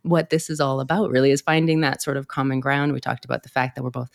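A woman with a creaky, slightly hoarse voice, chatting casually and playfully as a podcast interviewer. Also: rumbling low, level tone, fast talker, no echo, clean studio sound. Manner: laughs easily, playful. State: hoarse from bronchitis. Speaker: podcast host.

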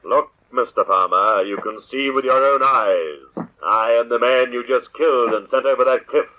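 An actor playing an ominous avenger who speaks for the dead in an old-time radio drama, with slow, theatrical, menacing proclamation. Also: male voice, medium pitch, lightly acted. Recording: dull old radio recording with music.

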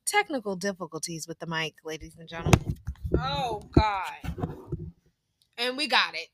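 A woman hosting a podcast, chatting casually with her younger brother, laughing often and talking in an animated way into a close mic. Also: on the low side, measured pace, very noisy. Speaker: podcast host. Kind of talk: casual family chat.

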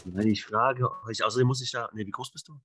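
A man's voice: medium pitch, fairly even intonation, fast talker, pushed and bright, close to an everyday voice. A man voicing a blunt, pushy male dwarf adventurer.

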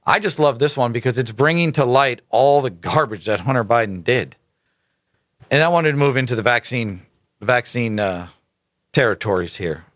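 A man talks through news items in a casual commentary show, reading lines aloud and then breaking off into emphatic asides. His pitch sits in a middle range and the sound is close and dry, with no room around it. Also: fairly bright tone, dry recording. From United States. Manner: emphatic, rhetorical asides, stumbles over names. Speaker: political commentary host.

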